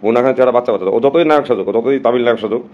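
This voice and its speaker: A man's voice: medium pitch, very fast, lo-fi sound, a little hiss or hum. A man from Bangladesh, talking casually and emphatically to his viewers on a live stream and slipping English phrases in.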